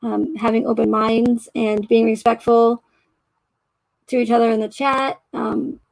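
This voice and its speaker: A woman's voice: on the high side, little pitch movement, a little slow, creaky, darkish tone, no room sound, rough recording. A woman hosting a casual livestream, chatting with viewers in a rambling, hesitant way with many restarts. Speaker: livestream host. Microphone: home microphone.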